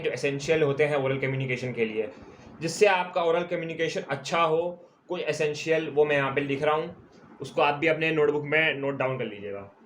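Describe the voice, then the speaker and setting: A man with a slightly raised pitch gives a classroom lecture, writing on a board as he goes. He repeats each key term slowly and keeps checking that students follow. A faint hiss sits under the recording. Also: fairly bright tone. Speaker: commerce teacher.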